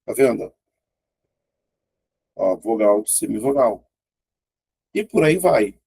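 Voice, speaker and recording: Gravelly Brazilian teacher, casual and chatty. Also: male voice, on the low side, animated, slow, warm tone. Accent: Brazilian Portuguese. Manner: casual, chatty, keeps pointing things out and checking in with students. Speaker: grammar teacher. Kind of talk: exam-prep grammar lesson.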